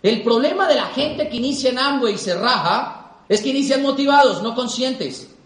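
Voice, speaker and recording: A young man giving an animated seminar talk to a live audience, repeating points for emphasis. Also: very high-pitched, moderate pace. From Colombia. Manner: animated, repeats for emphasis, acts out quoted people. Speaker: motivational speaker. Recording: echoey hall.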